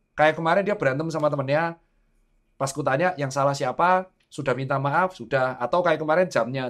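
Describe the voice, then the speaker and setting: A man in his thirties chats on a podcast as a doctor and father. He tells stories in an animated way, slipping into the voices of the people he quotes. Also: a little high. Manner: animated storytelling, acting out quoted dialogue. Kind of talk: casual podcast chat.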